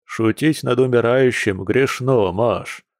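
A man's voice: medium pitch, slow, no echo. A man voicing a hungover bear werewolf who groans and complains gloomily, in a dry audiobook recording. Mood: groaning. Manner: groaning, mournful.

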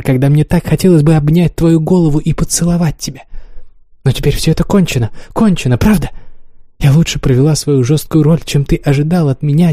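A man's voice: fairly high pitch, dark tone, no echo, studio quality, lightly acted. A man voicing an imperious, cruel young noblewoman who mocks and commands coldly in an audiobook reading. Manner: taunting, haughty, coolly commanding.

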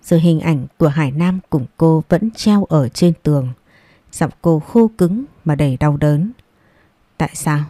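Woman, storybook narration, low voice, dry close recording. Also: expressive, moderate pace, warm tone, no room sound. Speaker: audiobook narrator. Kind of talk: scripted narration of a romance story.

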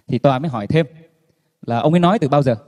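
A man telling jokes to an audience in a relaxed storytelling way, with many fillers. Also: mid-range voice, racing, long reverb tail. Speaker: joke teller.

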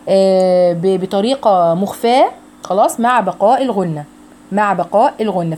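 A woman with an Egyptian accent teaching a Quran recitation lesson, reciting slowly and drilling each syllable over and over. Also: mid-range voice, warm tone. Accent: Egyptian Arabic. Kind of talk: tajweed lesson with slow recitation.

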